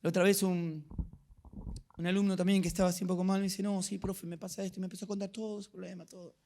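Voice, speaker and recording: A man's voice: sits high, level tone, rapid-fire, a little mellow, a little hiss or hum. A middle-aged man with an Argentine accent preaching a sermon, telling stories and asking rhetorical questions. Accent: Rioplatense Spanish. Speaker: pastor.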